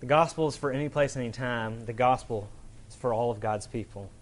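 A man with a medium-pitched voice preaches a little fast in a relaxed, everyday style. As a pastor giving an informal sermon, he speaks colloquially and frequently asks his listeners "right?"

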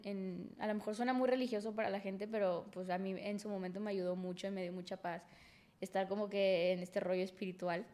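A woman with a Mexican accent, a podcast guest telling a personal story frankly and emotionally, full of fillers. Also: medium pitch.

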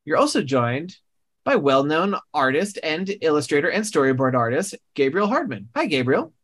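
Male host, slightly high voice, loose improvised comic narration with self-corrections. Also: very animated, normal speed, a bit bright. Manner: rambling, self-correcting, laughing at own jokes. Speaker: podcast host. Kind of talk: comedic improvised storytelling.

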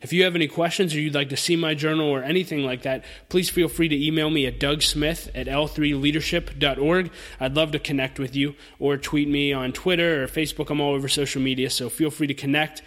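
This thirty-year-old solo podcast host speaks briskly with few pauses, his slightly high voice steady and a bit bright, trailed by a long reverb tail. His manner is informal and earnest, like an encouraging, conversational lesson for listeners.

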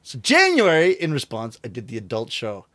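A man's voice: medium pitch, normal speed, no room sound. A middle-aged man, a rakugo storyteller, talking in a casual interview and acting out the voices of people in his stories. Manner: animated storyteller, acts out quoted voices.

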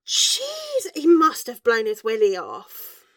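A woman co-hosting a podcast, posh-sounding and high-voiced, chatty and giggly, swearing freely in casual chat. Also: lively intonation, a little slow, pushed and bright, no echo. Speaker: podcast co-host.

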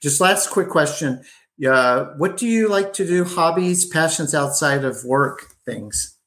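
A man's voice: on the high side, expressive, measured pace, fairly bright tone. A man hosting an interview show, upbeat and chatty, with frequent fillers and restarts. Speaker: podcast host.

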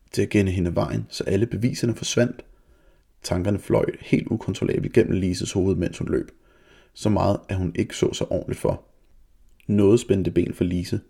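Male storyteller, dark husky tone, steady suspense. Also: fairly low pitch. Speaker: narrator and author. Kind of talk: storybook reading.

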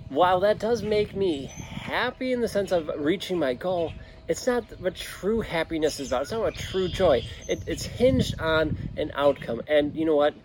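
A man's voice: on the high side, animated, moderate pace. A man hosting a motivational podcast in a casual, earnest, encouraging way, speaking outside in an open backyard. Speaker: host of a podcast and vlog show. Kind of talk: casual motivational talk to listeners. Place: outdoors in a backyard, open air. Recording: outdoor ambience with clear background noise. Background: birds, occasional traffic, some wind.

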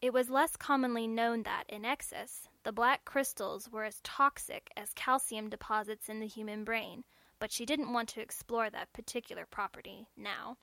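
A woman narrating a story in a measured, clear storytelling manner. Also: fairly high pitch, fairly even intonation, pushed and bright, dry recording.

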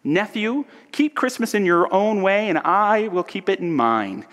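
A man voicing a grumpy, miserly old man who talks in a gruff, dismissive way. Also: a little high, sing-song, slow, exaggerated voice. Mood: scornful. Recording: long hall reverb.

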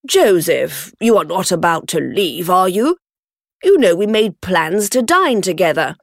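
A woman's voice: fairly low pitch, sing-song, unhurried, vocal fry, no echo, studio quality, heavily acted. A woman doing a firm, hearty old father. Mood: insistent. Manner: firm and insistent.

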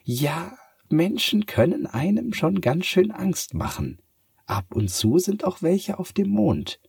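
A sly, teasing cat from the moon purrs its lines high and slow, as a man reads it out. The storybook voice is husky and dry. It stays calm and kind. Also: no echo, exaggerated voice. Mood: gentle. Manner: purring, drawn-out teasing delivery.

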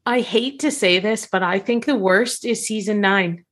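A woman's voice: medium pitch, moderate pace. A woman co-hosting a podcast over a video call, chatting casually and laughing often, her voice echoing like she's in a cave. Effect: cave-like echo. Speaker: podcast co-host. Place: different location than usual, echoey room.

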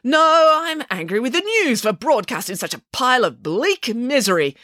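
A woman's voice: medium pitch, very animated, moderate pace, a bit bright, no echo, clean studio sound, voice pushed up. A woman voicing a bossy, indignant female pig nanny in a children's storybook, with dramatic, emphatic declarations. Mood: indignant, determined.

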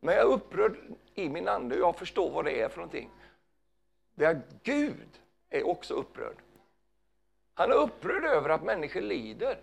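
Gravelly fervent man preaching a sermon. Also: high voice, sing-song, long pauses. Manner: fervent, calls out hallelujah, swings from loud to hushed.

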